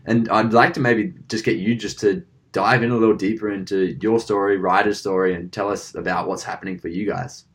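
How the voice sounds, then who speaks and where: Laid-back Australian podcast host, deep. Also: male voice, fairly even intonation, brisk, few pauses. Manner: laid-back, rambling, swears casually. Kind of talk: casual interview chat.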